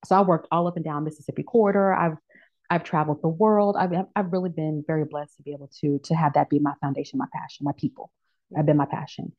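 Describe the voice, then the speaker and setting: Name: none. Sex: woman. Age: 30s. Role: podcast guest. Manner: animated storyteller, lowish voice. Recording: dull lo-fi. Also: fast talker. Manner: animated storyteller who acts out quoted voices. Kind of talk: casual podcast interview. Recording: dull lo-fi audio.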